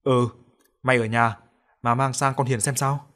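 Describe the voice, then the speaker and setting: A man voicing a sharp-tongued old grandmother. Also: mid-range voice, fairly even intonation, moderate pace, natural voice. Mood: snappish. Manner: snappish, scolding.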